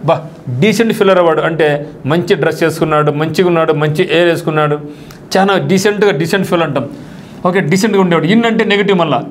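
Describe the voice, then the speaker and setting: This is a man teaching an exam-prep vocabulary class. His voice sits high, and he keeps asking rhetorical questions and slipping into casual local speech. A faint background hiss runs under the whole recording. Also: rapid-fire. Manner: explains English words in Telugu with colloquial asides and rhetorical questions.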